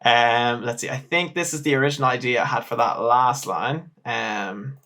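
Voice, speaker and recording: Young Irish man, musician, easygoing chatty delivery, bright voice, mid pitch. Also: moderate pace. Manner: relaxed, chatty, lots of ums and likes. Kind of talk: casual music breakdown talk.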